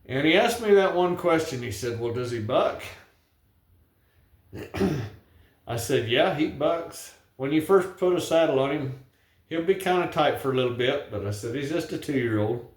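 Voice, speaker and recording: A man's voice: on the high side, lively intonation, moderate pace. A middle-aged man with a rural Western American accent and a folksy cowboy twang, reciting cowboy poetry and telling ranch stories in plain, colloquial speech. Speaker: cowboy poet and horse breaker. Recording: echoey, roomy sound.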